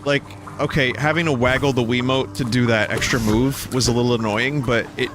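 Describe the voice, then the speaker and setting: A man's voice: medium pitch, steady tone, brisk. A young man giving casual, rambling gameplay commentary as a streamer, joking and swearing freely. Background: game music.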